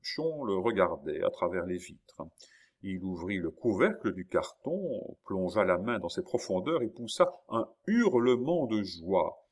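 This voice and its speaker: A man's voice: low voice, sing-song, a little slow. A man narrating a classic novel as an audiobook, telling the story expressively.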